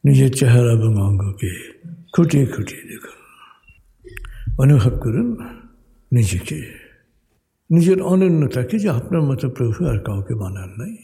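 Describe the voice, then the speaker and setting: Slow soft dark voiced guy guiding a meditation, big reverb, music behind him. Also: mid-range voice, expressive, creaky. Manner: slow, soothing, measured instruction with pauses. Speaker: meditation guide. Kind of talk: guided meditation, hypnotic countdown. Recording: long hall reverb over music.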